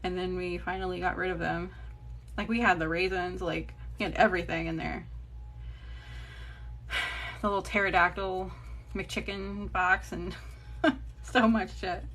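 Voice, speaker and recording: A woman's voice: fairly low pitch, steady tone, unhurried, pauses often, a bit bright, a little hiss or hum. Chatty woman in her thirties, rambling. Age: 30s. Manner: chatty, rambling, laughs often, swears casually. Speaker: TikTok live crafter. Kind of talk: casual chat while crafting. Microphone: phone.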